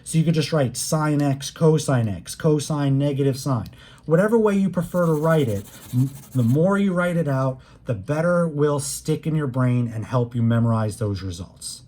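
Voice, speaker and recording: A math instructor delivering a recorded calculus lecture in a mellow, warm voice. The teacher talks plainly and directly to students, explaining each step with patience and leaning on key words to make them stick. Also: medium pitch. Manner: plain conversational teaching, speaks straight to students.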